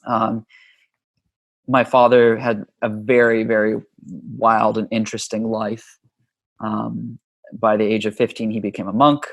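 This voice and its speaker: A man from Hawaii, a yoga teacher and author, telling stories about his upbringing in an easygoing, unhurried way with frequent ums. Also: fairly low pitch, level tone, gravelly, no echo. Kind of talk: relaxed conversational storytelling.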